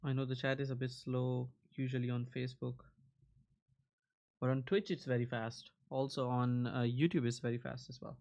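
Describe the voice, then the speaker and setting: A man's voice: medium pitch, little pitch movement, moderate pace, vocal fry, darkish tone, lo-fi sound. A man hosting a live coding stream, chatting casually with his viewers. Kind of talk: casual livestream chat.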